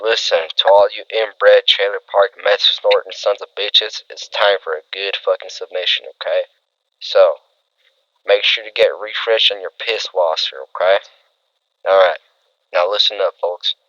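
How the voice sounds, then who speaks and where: A man's voice: fairly low pitch, fairly even intonation, a little slow, pushed and bright, dry recording. A man playing a crude, eager redneck co-host on a comedy radio show, recorded on a slightly lo-fi mic. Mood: rowdy. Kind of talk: improvised comedy radio role-play.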